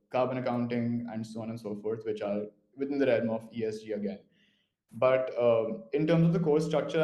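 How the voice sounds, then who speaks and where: A young man from India, a current master's student speaking in an online info session, measured and dotted with "uh" fillers. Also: mid-range voice, warm tone, reverberant, dull audio.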